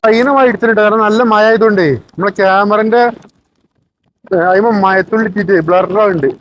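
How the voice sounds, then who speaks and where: Male vlogger, high voice, casual mix, recorded outdoors with faint rainy noise. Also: steady tone, quick pace, highs cut off. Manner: mixes English words into Malayalam. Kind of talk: casual outdoor travel vlog chat. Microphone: phone. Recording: background noise of rain outdoors.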